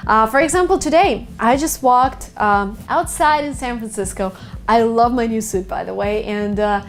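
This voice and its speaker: A woman's voice: fairly high pitch, moderate pace. A woman in her late twenties from Russia, a native Russian speaker, giving a chatty English lesson to camera with many fillers and little stories. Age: 20s. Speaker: English teacher.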